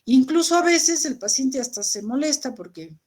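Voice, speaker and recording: A woman's voice: high-pitched, animated, normal speed, a little mellow. A woman giving a recorded medical lecture, explaining patiently to students and often checking in with rhetorical questions.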